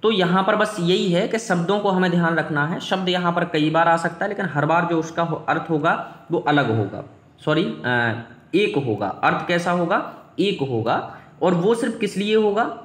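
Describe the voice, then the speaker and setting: High-voiced man teaching in an echoey room. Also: lively intonation, normal speed. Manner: repetitive question-and-answer teaching, calls students "beta". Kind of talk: exam-prep grammar lesson.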